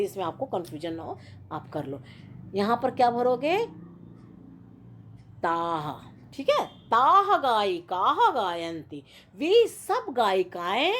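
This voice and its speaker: Woman teacher, patient and repetitive, animated sing-song delivery. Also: mid-range voice. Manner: patient, repeats and checks with "theek hai na". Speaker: Sanskrit teacher. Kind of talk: classroom lesson explaining grammar.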